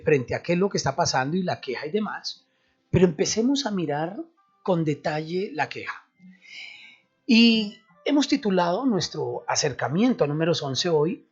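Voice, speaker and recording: A husky, fairly high-pitched man animatedly breaks down a Bible passage for radio listeners, posing questions and then answering them himself. The dull radio recording has faint music in the background.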